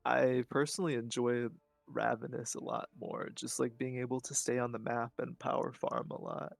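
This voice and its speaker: A man with a mid-pitched, slightly gravelly voice answers his coach hesitantly, often starting with an um. The sound is dry and close, with no room around it. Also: level tone, moderate pace, no room sound, soft background music. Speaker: player being coached. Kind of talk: casual coaching call. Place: home at night.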